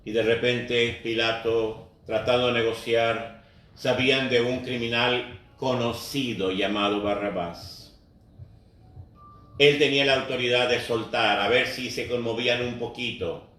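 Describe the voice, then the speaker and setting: A man's voice: medium pitch, steady tone, measured pace, a bit bright. A man preaching a sermon, earnestly repeating phrases and speaking directly to the congregation. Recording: very echoey, voice far from the mic.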